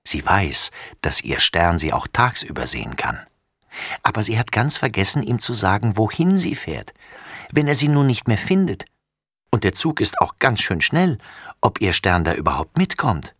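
A man reading a children's storybook aloud in an expressive way. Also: lowish voice, moderate pace, husky, no room sound, clean studio sound. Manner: expressive, lively. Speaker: narrator.

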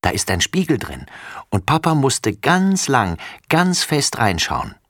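A man's voice: mid-range voice, wildly swooping pitch, a little slow, fairly bright tone, no room sound, pitched above the performer's own voice. An impatient big sister who scolds her little brother, put on by a man reading a storybook. The voice sits well above the reader's own and sounds close and dry. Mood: proud. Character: girl, bossy big sister.

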